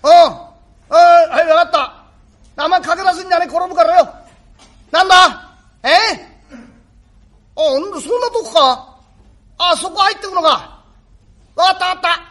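Gruff, remorseful working dad, husky and high, thick old Tokyo shitamachi talk, played by a male rakugo teller. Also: lively intonation, fairly quick, fairly bright tone, full character voice. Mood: coaxing. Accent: Tokyo shitamachi (Edo). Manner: rough, apologetic, gruff tenderness. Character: remorseful father, rough working man, tender. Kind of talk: rakugo storytelling.

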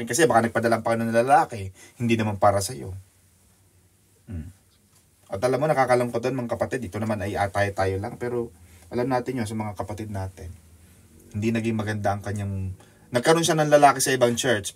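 A man with a Filipino accent preaching a sermon in an animated, teasing way that leaps up in pitch for emphasis. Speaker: pastor. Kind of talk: sermon teaching.

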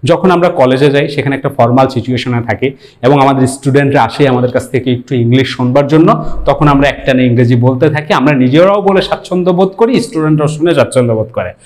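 A man's voice: medium pitch, quick pace. Man teaching English conversationally. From Bangladesh. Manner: conversational, mixes English words, asks rhetorical questions. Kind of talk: explanatory lecture.

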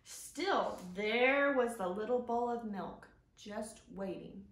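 Reading aloud from her living room, a woman in her thirties who works as a children's librarian hosts storytime for small children in a voice that runs a little high. Her phrasing is simple and expressive, with key words drawn out for the kids. The camera mic a few feet away gives a roomy sound with a little hiss or hum.

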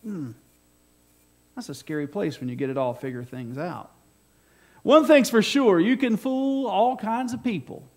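A man preaching a live sermon in a church, swinging between quiet asides and loud, fervent passages. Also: sits high, animated, measured pace, pauses often. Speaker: pastor. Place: church sanctuary.

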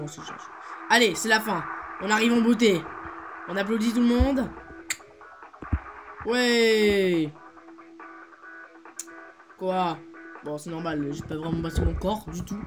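A teenage boy hosting a video, giving rambling, playful commentary on a game with many hesitations. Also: sits high. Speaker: gaming video host. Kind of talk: casual gameplay commentary. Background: game music.

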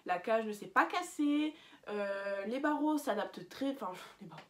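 Chatty woman with a higher voice. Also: animated, normal speed. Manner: chatty, many fillers and restarts, laughs at own slips. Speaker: bird-keeping vlogger. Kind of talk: casual advice vlog.

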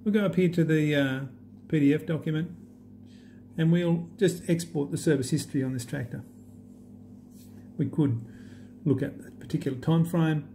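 A man walking through an app demo in a relaxed, halting way with many fillers. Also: on the high side, slight background noise. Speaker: app demonstrator. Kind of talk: unscripted screen demo walkthrough.

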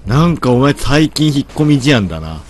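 A man's voice: medium pitch, big pitch swings, fairly quick, a little hiss or hum. A man with a stuffy nose, doing gameplay commentary, grumbling to himself and mock-scolding characters in the game. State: stuffy nose from hay fever.

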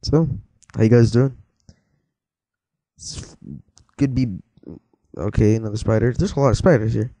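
A teenage boy gives casual, rambling let's-play commentary while gaming, getting startled easily and joking with viewers. His male voice is mid-range and dark-toned, with a moderate pace and long pauses. The recording is dry.

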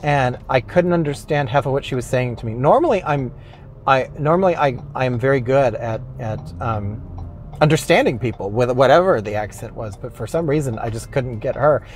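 A man's voice: mid-range voice, moderate pace. Rambling man ranting from his car. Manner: rambling, complaining, with self-mocking asides and many restarts. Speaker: vlog host. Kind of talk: casual comedic rant. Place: in his car while driving.

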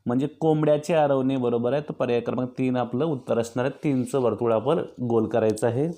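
A man's voice: mid-range voice, steady tone, a little fast, dark tone. A man teaching young pupils, going through each quiz option and patiently answering his own questions. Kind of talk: exam-practice lesson for young pupils.

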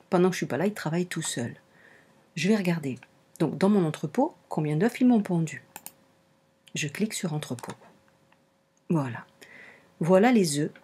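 French woman walking through a web game, low husky voice, mellow, keeps repeating herself. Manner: explanatory, repeats herself, self-corrects. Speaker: online game walkthrough presenter. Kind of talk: casual screen-recorded tutorial.

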